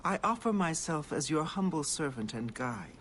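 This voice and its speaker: An actor playing a devoted, deferential servant and guide of assassins in a video game, speaking formally and reverently. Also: male voice, on the high side, big pitch swings, moderate pace, fairly bright tone, a little hiss or hum. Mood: earnest, instructive. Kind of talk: video game character acting.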